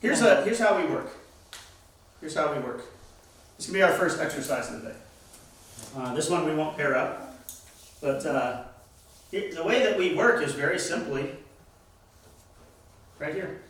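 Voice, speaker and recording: A man leads a Bible lesson in an emphatic way, putting questions to the class. His voice sits a little high. It rings through a very echoey room, picked up from some distance. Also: animated, a little slow, pauses often, a bit bright. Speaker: church teacher.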